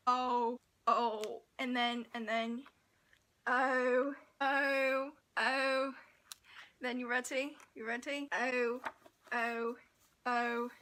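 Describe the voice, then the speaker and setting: A woman hosting a casual book review vlog, talking in a gushing, excitable, playful way. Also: high voice. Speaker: book vlogger.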